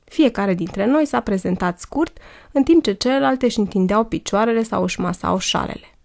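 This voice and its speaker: A woman reading a first-person story aloud in a lively, wry way. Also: medium pitch, vocal fry. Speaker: audiobook narrator.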